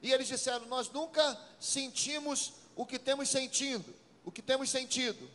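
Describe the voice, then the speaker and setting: A male pastor, preaching a sermon in a church, telling stories with acted dialogue and building to shouted exhortations. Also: very high voice, normal speed. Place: church sanctuary. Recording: long church reverb.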